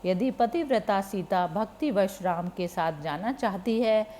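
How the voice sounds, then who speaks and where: A stern old sage delivers a slow, measured rebuke, as a woman reads his words. The voice sits at a middle pitch and holds a plain reading tone. It comes across as reproachful and unhurried. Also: warm tone, a little hiss or hum, close to an everyday voice. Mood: scolding. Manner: stern reproach read aloud. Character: older male sage, stern and scolding.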